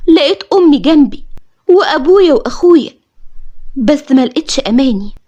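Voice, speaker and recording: Egyptian woman, high voice, dramatic first-person storytelling, emotive, muffled lo-fi sound. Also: lively intonation, fairly quick, mellow. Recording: dull lo-fi audio.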